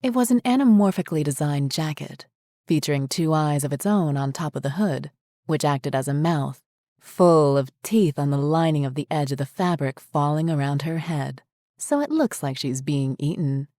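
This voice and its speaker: Low-voiced woman narrating a horror story. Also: lively intonation, warm tone, no room sound, clean studio sound. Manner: measured, descriptive storytelling.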